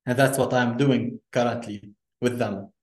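Recorded in an echoey room, this interview guest is an engineer raised in Lebanon who talks conversationally but keeps restarting sentences and repeating words. He speaks at a measured pace in a medium-pitched, darkish voice with fairly even intonation.

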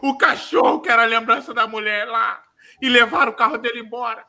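A high-voiced Brazilian man tears through a comic movie recap, rambling and swearing as he goes. His tone is piercingly bright and tense, and he bursts into shouted gunshot noises. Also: steady tone, brisk. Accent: Brazilian Portuguese. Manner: rambling, profane storyteller who shouts sound effects. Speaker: podcast co-host.

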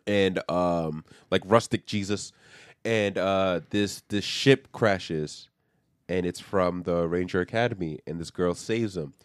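A young man co-hosting a podcast, recapping a comic in casual chat, animated and swearing, acting out the characters as he goes. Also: low-pitched, takes it slowly, clear, resonant tone, no echo, clean studio sound. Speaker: podcast co-host.

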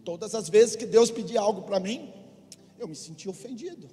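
A man's voice: sits high, animated, moderate pace, warm tone. A middle-aged male pastor from Brazil preaching a sermon, leading the congregation in call-and-response. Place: church hall. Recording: long hall reverb.

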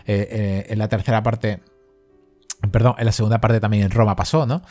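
A man's voice: on the low side, flat delivery, normal speed, darkish tone, faint music behind. A man from Spain co-hosting a casual film discussion, rambling with many fillers and restarts. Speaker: podcast co-host.

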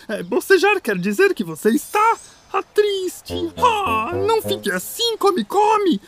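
An actor voicing an eager, excitable furry male monster who calls himself an expert, in a high squeaky voice full of giggles. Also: slow, over music, exaggerated voice. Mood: fussy. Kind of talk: children's TV puppet dub.

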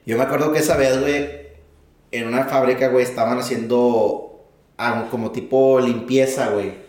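Mexican trucker telling road stories. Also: male voice, mid-range voice, fairly even intonation, normal speed, darkish tone. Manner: laid-back storytelling, crude slang, acts out other people's lines. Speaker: truck driver guest. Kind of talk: casual podcast chat. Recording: echoey room.

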